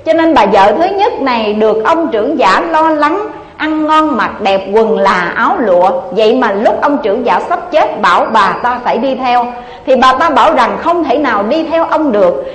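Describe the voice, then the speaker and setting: A woman gives a Buddhist dharma talk, telling a parable and turning to her listeners with rhetorical questions. Her voice sits high. It echoes through a large hall with a long reverb. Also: animated, moderate pace. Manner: addresses listeners often, asking them rhetorical questions. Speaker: Buddhist preacher.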